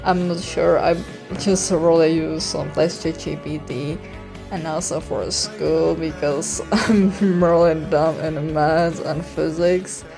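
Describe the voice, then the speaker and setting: A young woman from Czechia with a Czech accent, chatting casually for a vlog in a hushed, awkward, self-conscious and apologetic way. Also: sits low, fairly even intonation, slow, creaky, music in the background. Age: young adult. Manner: keeping voice hushed so as not to be heard in the house. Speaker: online video creator. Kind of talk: casual rambling vlog chat.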